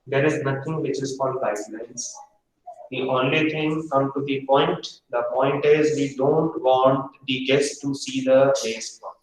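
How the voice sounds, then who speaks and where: A man's voice: mid-range voice, steady tone, unhurried. A man teaching a hotel management practical class, stern and repetitive, pressing students for answers. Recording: echoey room from far off.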